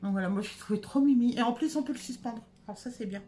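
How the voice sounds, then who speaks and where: Fast and mellow, with a slightly high pitch, an adult woman runs through her shopping haul at home in a casual vlog. Her chat is full of hesitations.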